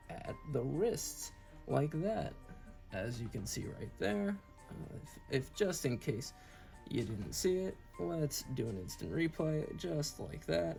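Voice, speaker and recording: A toy reviewer hosting his own channel speaks in a fairly high, gravelly, warm voice. His casual hobby review is earnest and enthusiastic, though he repeats himself, and his speech is affected because he's recovering from having his wisdom teeth removed.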